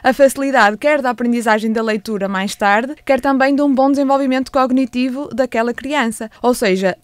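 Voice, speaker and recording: A woman speech therapist with a European Portuguese accent, explaining tips to parents carefully and clearly. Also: high voice, dry recording. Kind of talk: informational talk on a local program.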